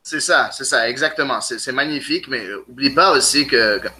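Bright-voiced man, eager guest. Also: mid-range voice, brisk, slight background noise. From Canada. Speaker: guest soccer blogger. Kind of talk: casual podcast interview.

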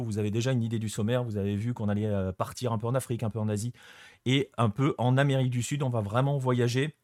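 A man hosts a live-streamed show, talking casually and warmly to viewers in the chat, his delivery full of small hesitations and restarts. His voice sits at an ordinary middle pitch. The sound is dry and close, with no room echo. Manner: chatty, hesitant with many fillers, greets chat viewers. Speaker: host.

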